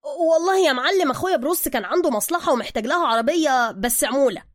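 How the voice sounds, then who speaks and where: A woman voicing a smooth-talking male fixer who flatters and soothes in Egyptian Arabic. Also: high-pitched, racing, dry recording, studio quality, pitched above the performer's own voice. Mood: coaxing.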